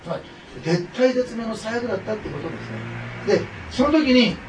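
In an echoey church hall, a pastor preaches to his congregation in a conversational style, full of fillers and asides. His voice sits high, with lively intonation and a fairly quick pace. The mic is far off, and the background is noisy.

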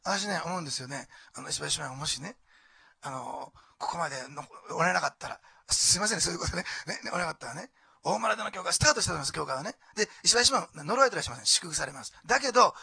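Fast, gravelly-voiced pastor preaching dramatically. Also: male voice, high voice, expressive, no room sound. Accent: Osaka. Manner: dramatic, swinging from hushed whispers to loud exclamations; rhetorical questions to the congregation. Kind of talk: sermon.

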